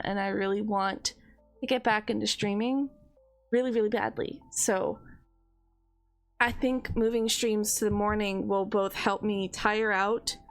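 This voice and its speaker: A woman streamer chatting casually to her viewers, rambling with frequent laughs and a tired edge. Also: mid-range voice.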